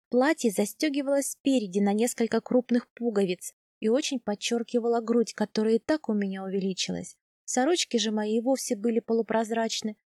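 A woman calmly narrating a first-person audiobook in an even storytelling manner. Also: a little high, no room sound, studio quality.

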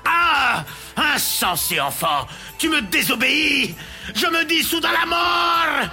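Shrill evil magician, slow bellowed curses, storybook audio. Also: male voice, sing-song, pushed and bright, faint music behind, full character voice. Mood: raging. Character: wicked scheming male magician, furious and commanding.

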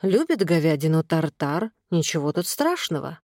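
A woman's voice: low voice, sing-song, moderate pace, darkish tone, no echo. A woman reading aloud, voicing an exhausted, resentful young mother who talks in a dry, wry, defensive way. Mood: breezy.

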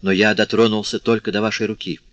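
A man's voice: on the low side, flat delivery, fast talker, a bit bright, no room sound, close to an everyday voice. A man reading the part of an anxious young man, asking urgent, worried questions, in a dry, slightly dull audiobook recording. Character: anxious young man tending a wounded girl.

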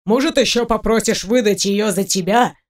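A woman's voice: mid-range voice, moderate pace, lightly acted. A woman reading an audiobook, voicing a menacing middle-aged father who hisses and snarls his lines. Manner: hissing, snarling through teeth.

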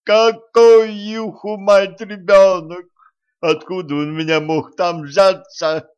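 A man voicing a panicky, indignant man who shouts and whines in disbelief, in a dull lo-fi recording. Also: mid-range voice, animated, slow pace. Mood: yelling, furious. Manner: shouting, whining, outraged.

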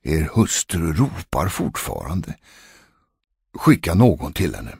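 A man doing a slow, worried old gravedigger. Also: rumbling low, huge pitch swings, gravelly, a little mellow, breathy edge, dry recording, clean studio sound, exaggerated voice. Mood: pleading. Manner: slow, pleading.

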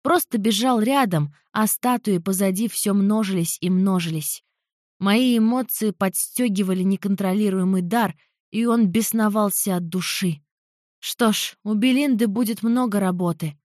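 A young woman narrates a fantasy audiobook in the first person. Her reading is expressive and emotional at a middle pitch. The recording is close and dry, with no room around her. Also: moderate pace, no room sound.

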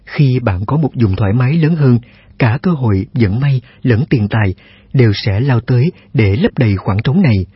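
Very husky man narrating self-help. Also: medium pitch, normal speed, no room sound. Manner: steady reading voice with rhetorical questions to the listener. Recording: dull, slightly lo-fi sound.

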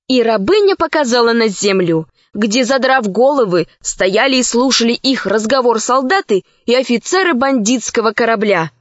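A woman narrating a children's story aloud in a calm, even storytelling manner. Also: fairly high pitch, normal speed, hardly any pauses, no room sound, muffled recording. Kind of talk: audiobook narration.

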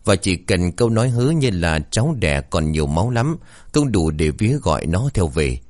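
A grave old ritual master, as a male storyteller voices him, deep and ominous as he explains a ghost. The voice is very low but moves a lot in pitch. The sound is dry and close. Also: big pitch swings, normal speed, a little mellow, no room sound.

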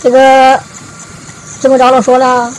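A woman giving a Buddhist dharma talk, retelling a parable in a folksy storytelling way, with frequent drawn-out filler particles. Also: sits high, completely flat delivery, slight background noise, rough recording. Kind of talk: storytelling sermon.

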